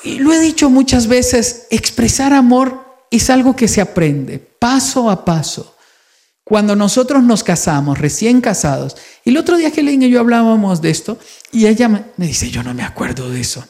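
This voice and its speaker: A man's voice: very high-pitched, lively intonation, normal speed. Middle-aged man telling heartfelt stories. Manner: warm storytelling, emphatic repetitions, chuckles. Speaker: conference speaker. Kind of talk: heartfelt conference talk.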